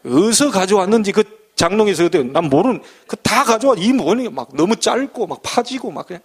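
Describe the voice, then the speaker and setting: A middle-aged man preaching a sermon as a pastor, animated and acting out the voices he quotes. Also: sits high, brisk, breathy edge.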